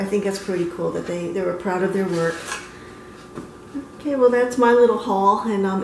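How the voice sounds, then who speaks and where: Her voice fairly low, a woman in her fifties chats casually about the items in her antique booth, full of ums and self-corrections. The show-and-tell vlog starts in her living room before heading to the car and an antique mall, and it's a low-quality recording with some hiss or hum.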